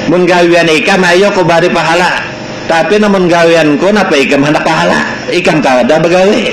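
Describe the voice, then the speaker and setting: A man's voice: fairly high pitch, reverberant, noisy background. A man with a Banjar accent giving a Sufi study lesson, mixing Arabic quotations with local dialect and firing rhetorical questions at listeners, heard from an old worn tape recording. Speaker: religious teacher.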